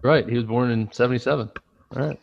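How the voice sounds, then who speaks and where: A man co-hosting a casual sports podcast, sarcastic and quick to swear and cut in. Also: medium pitch, steady tone, vocal fry, dull audio. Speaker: podcast co-host.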